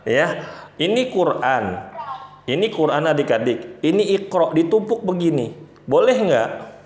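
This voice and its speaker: Slow, playful man teaching children. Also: fairly high pitch, expressive, a little mellow. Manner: playful, addresses children directly, acts out examples. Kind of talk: children's religious lesson. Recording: roomy echo.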